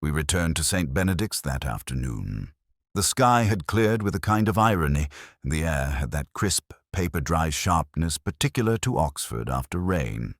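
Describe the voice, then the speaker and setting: A man acts out a weary police inspector with an extremely low, expressive voice. He narrates a detective audio drama in measured, literary phrases, wry and melancholy. The sound is close and dry, with very little room on it. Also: no echo, exaggerated voice. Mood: observant, wry. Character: weary, reflective male police inspector narrating his case.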